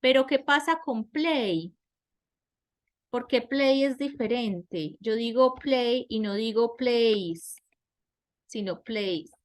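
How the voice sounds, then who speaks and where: A woman teaching an online class at an unhurried pace, explaining each rule carefully. Her voice sits a little high for a woman, and she keeps checking in with her students through questions. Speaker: English teacher.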